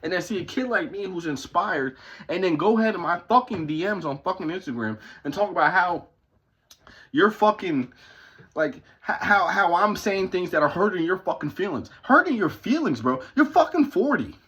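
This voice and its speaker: Speaking from his parents' house, this twentysomething vlogger curses constantly through an aggressive, foul-mouthed pep talk. He talks at a moderate pace in a high, expressive voice that is fairly bright yet husky.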